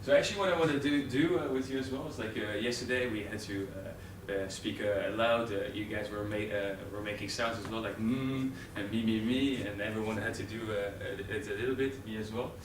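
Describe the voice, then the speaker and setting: A young Dutch-accented man gives a live presentation to a training group, speaking in a lowish voice, a little fast and with hardly any pauses. He's hesitant, full of fillers and restarts. Distant camera audio captures the training room and its audience, sounding roomy and noisy.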